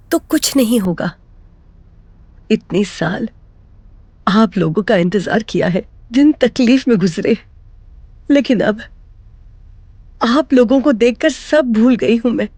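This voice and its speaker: A woman's voice: fairly high pitch, slow, long pauses, darkish tone, no room sound. A woman playing a tearful pleading grandmother. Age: older. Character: lonely old grandmother, emotional and pleading.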